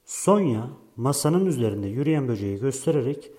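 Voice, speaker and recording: Guy reading a storybook out loud, calm and even, mellow warm voice. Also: medium pitch, fairly quick. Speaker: narrator. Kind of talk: storybook narration.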